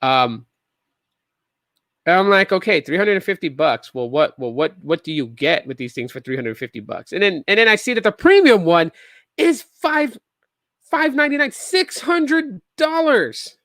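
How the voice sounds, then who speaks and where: A man in his thirties hosts a solo tech podcast in a high, sing-song, slightly bright voice at normal speed, with no room sound. He talks casually and rambles, tossing in sarcastic asides and restarting often.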